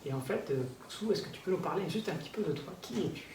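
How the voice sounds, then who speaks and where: Higher-voiced man interviewing from afar. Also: fast. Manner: relaxed, friendly questioning with fillers. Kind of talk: casual interview. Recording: echoey room, distant mic, clear background noise.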